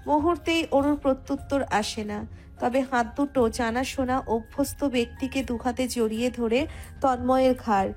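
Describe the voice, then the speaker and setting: Female narrator for romantic audio fiction: high-pitched, scripted storytelling, music bed underneath. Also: fairly even intonation, moderate pace, darkish tone.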